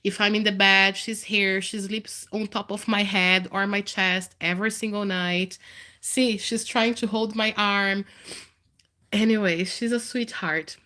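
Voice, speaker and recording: A woman's voice: medium pitch, fairly even intonation, measured pace, sharp tone. A woman in her thirties with a nasal, congested voice, chatting candidly to viewers in a live video update. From Canada. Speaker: vlogger.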